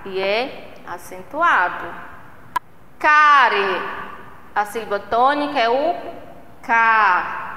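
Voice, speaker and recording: A Brazilian woman teacher gives a recorded lesson for young children, slow and patient, stretching out syllables and checking in often. Her voice is slightly high and bright. It rings in an echoey room with a long reverb tail. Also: a little hiss or hum. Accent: Brazilian Portuguese. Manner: slow, patient, drawing out syllables and asking "né?" and "certo?". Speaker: primary school teacher.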